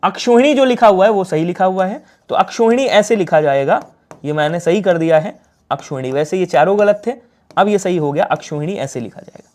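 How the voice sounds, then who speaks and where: Lively Hindi-speaking man teaching a class. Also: high voice, fairly quick. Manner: lively, coaxing, asks questions and answers them himself. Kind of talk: live online exam-prep class.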